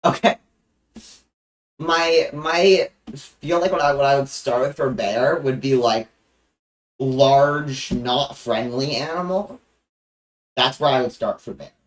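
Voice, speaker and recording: On a casual livestream, a young adult streamer makes deadpan jokes and keeps stopping and restarting mid-thought. Pitch is medium, and the recording quality is low.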